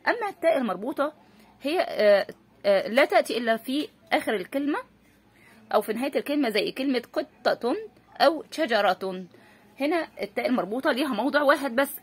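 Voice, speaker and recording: A woman's voice: sits high, animated, very fast, slightly rough. A woman teacher with an Egyptian accent, giving a patient spelling lesson for children and asking and answering her own questions. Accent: Egyptian Arabic.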